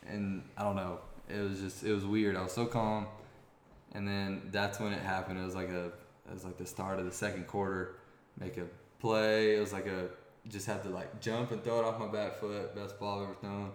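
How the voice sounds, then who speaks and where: A young man with a somewhat low voice tells a sports story in casual interview talk. He rambles and restarts often. The room around him rings with echo. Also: moderate pace, a little hiss or hum. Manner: rambling, many restarts, grows excited. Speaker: former college quarterback guest. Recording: echoey room.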